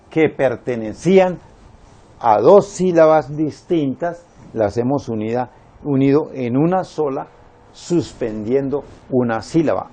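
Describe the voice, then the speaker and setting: Guy teaching a spanish class, slow and careful, counts syllables one by one. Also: mid-range voice, mellow. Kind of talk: recorded Spanish grammar lesson.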